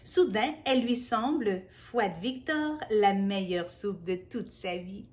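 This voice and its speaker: A woman reading a picture book aloud to a child, gentle and playful, dropping into soft whispered asides. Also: medium pitch, takes it slowly. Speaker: children's storyteller.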